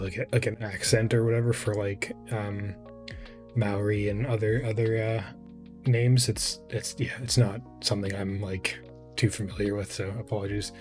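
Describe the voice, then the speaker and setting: A man's voice: lowish voice, a little mellow. A man with an English Canadian accent hosting a casual reaction video, rambling and hesitant with many restarts. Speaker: reaction channel host.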